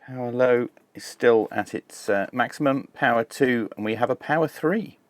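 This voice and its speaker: Speaking at a middle pitch, this man narrates a practical technical demonstration, calm and casual as he works, much like someone hosting a review channel. The audio is dry and echo-free, with hardly any sense of the room.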